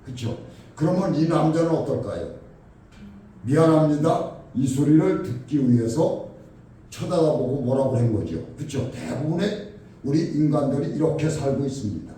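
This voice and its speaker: A man preaching a sermon. He asks the congregation questions and acts out shouted quarrels. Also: medium pitch, animated, moderate pace. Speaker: pastor. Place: church sanctuary. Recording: echoey church hall from far off.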